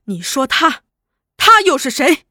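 A furious, hot-tempered husband in a storybook reading, shouting accusations, as a woman reader puts him on. The voice stays high, dry and close. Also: big pitch swings, unhurried, no echo, full character voice.

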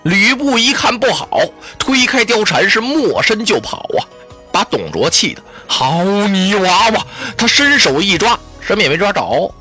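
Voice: medium pitch, very animated, normal speed, sharp tone, breathy edge, faint music behind. A storyteller in traditional Chinese style who tells the tale vividly, with spoken sound effects and playful asides.

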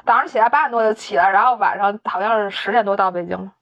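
A woman's voice: mid-range voice, quick pace, a bit bright, dull audio. A woman telling a story in casual chat, laughing often, swearing casually and acting out the dialogue. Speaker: podcast co-host.

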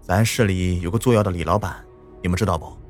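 A man voicing a timid, placating middle-aged village uncle in an audio story, speaking low and nervously. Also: fast, soft background music, natural voice. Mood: worried.

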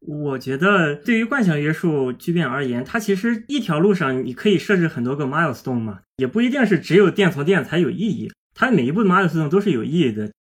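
A man explaining physics on a podcast as a guest, lively and step by step, with everyday images. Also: a little high, brisk, hardly any pauses.

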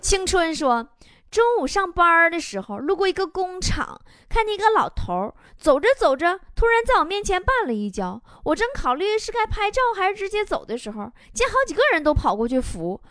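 Lively high-voiced woman. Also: brisk, no echo, clean studio sound. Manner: lively, laughs often, acts out quoted voices. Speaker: radio comedy host. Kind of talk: reading funny listener anecdotes.

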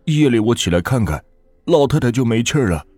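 A man's voice: medium pitch, animated, a little fast, a little mellow, husky, dry recording. A grieving village man, played by a male storyteller, pleading in a subdued, tearful voice. The sound is dry and close, with faint music beneath.

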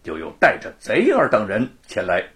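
A man narrating a story in a measured, scripted telling. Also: lowish voice, huge pitch swings. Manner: slow, measured delivery.

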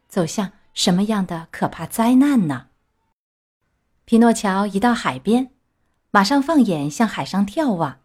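A woman storyteller reading a children's novel aloud in an expressive, animated way. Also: mid-range voice.

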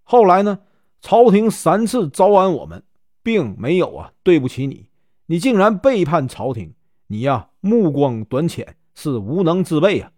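A man's voice: a little high, big pitch swings, unhurried, darkish tone, dry recording, studio quality. A man voicing an indignant loyal general who scolds a traitor, with filler particles. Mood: angry scolding. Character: indignant loyal male general, shouting defiance.

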